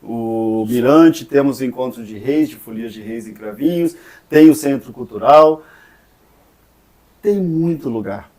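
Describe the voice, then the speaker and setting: A man talking casually and warmly about his town, joking and urging visitors to come. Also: mid-range voice. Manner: enthusiastic, joking, inviting. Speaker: local interviewee promoting the town. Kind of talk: casual chat.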